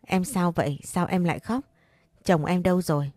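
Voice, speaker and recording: Lady doing a bossy sweet guy comforting a friend, lowish warm voice. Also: normal speed, no room sound, studio quality, natural voice. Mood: scolding. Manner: scolding yet tender, coaxing. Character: caring, pushy young man comforting a friend. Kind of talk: audiobook character reading.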